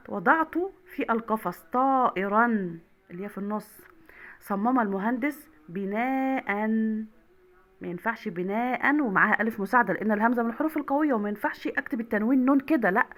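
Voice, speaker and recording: A young woman with an Egyptian accent teaching an online Arabic lesson to primary school children, repeating words slowly and clearly. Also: medium pitch, fairly bright tone.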